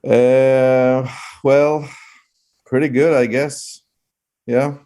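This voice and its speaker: A man's voice: medium pitch, flat delivery, drawn-out words, dark tone. A man with a Swedish accent chatting casually as an interview guest, hesitant and often searching for words. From Sweden.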